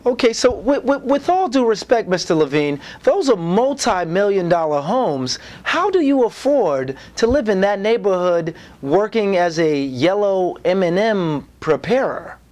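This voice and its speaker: A man's voice: high-pitched, sing-song, unhurried, few pauses, darkish tone. A man playing a formal, persistent TV interviewer in a comedy sketch. He keeps repeating and restarting his questions. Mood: earnest. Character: stiff, persistent male TV interviewer.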